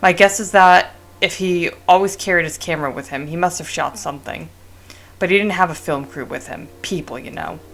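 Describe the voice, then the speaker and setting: Give me a talkative male village priest, low and gravelly, read by a woman. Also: a bit bright, faint music behind. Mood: calm. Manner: reading game dialogue aloud, measured.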